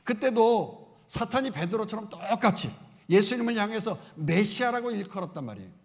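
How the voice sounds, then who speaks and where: A male pastor preaching an expository sermon, driving his points home with emphatic rhetorical questions. His fairly high voice has a gravelly texture. The sound carries the long reverb of a church sanctuary. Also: very animated, a little fast.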